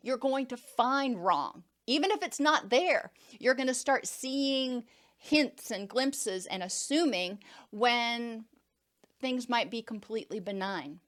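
Female counselor, educational talk, slightly high voice, explanatory. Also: expressive, slow pace, fairly bright tone. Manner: explanatory, uses everyday examples.

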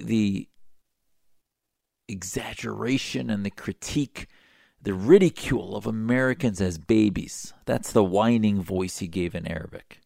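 A man's voice: fairly low pitch, gravelly, warm tone, dry recording, studio quality. A man hosting a talk radio show, delivering impassioned, emphatic commentary with a sarcastic edge.

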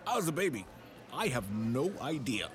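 A man on a dinner date speaking scripted romantic lines, hesitant and gently flirtatious, often repeating his words. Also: medium pitch, big pitch swings, normal speed, close to an everyday voice.

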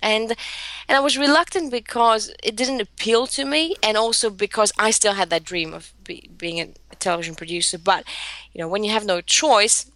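Recorded cleanly with no room sound, this woman speaks at a moderate pace in a mid-range, slightly bright voice. She's a Greek-raised social media marketer in her thirties, a guest chatting through her story with many laughs and frequent restarts.

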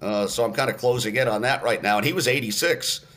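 A radio play-by-play announcer in his sixties tells stories during a relaxed interview, speaking unhurriedly with lots of fillers and restarts. His voice is medium-pitched.

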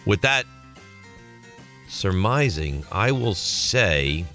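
An American man hosting a sports radio show, bantering casually and telling stories in an animated way. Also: low-pitched, drawn-out words, soft background music.

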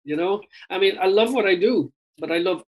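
A high-pitched man talks briskly as a singer in an interview, chatting casually and rambling while often saying "dude." The recording is rough.

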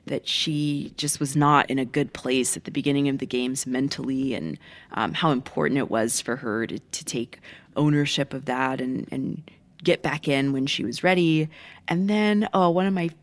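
A woman's voice: a bass voice, normal speed. A woman co-hosting a podcast, chatting enthusiastically about feel-good stories. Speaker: podcast co-host. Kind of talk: casual chat.

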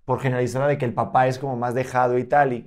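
A man in casual podcast chat, candid and a bit halting as he talks. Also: medium pitch, little pitch movement.

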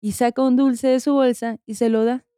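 A woman's voice: on the high side, steady tone, normal speed, dark tone, clean tone, no room sound, clean studio sound. A woman with a Mexican accent, a podcast host casually retelling a story with many fillers and slangy asides.

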